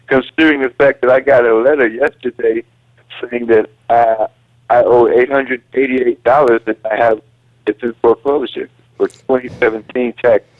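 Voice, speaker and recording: A polite male caller talking in a plain, halting way over a phone line that keeps cutting in and out. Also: mid-range voice, fairly even intonation, dry recording. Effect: phone line breaking up, voice cutting in and out. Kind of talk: call-in radio conversation.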